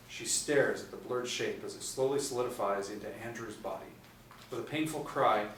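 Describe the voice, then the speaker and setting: A low-voiced man in his forties reads scripted screen directions as narration. He's in a small indoor room with a seated group, and the distant mic picks up a roomy sound with faint noise.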